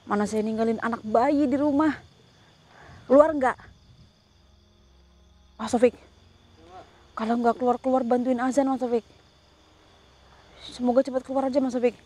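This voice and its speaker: Woman ghost hunter, fairly high voice, coaxes and pleads with a spirit, murmured prayers, recorded outdoors. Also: steady tone, normal speed, pauses often, warm tone. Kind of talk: paranormal investigation commentary. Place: outdoors at night before rain.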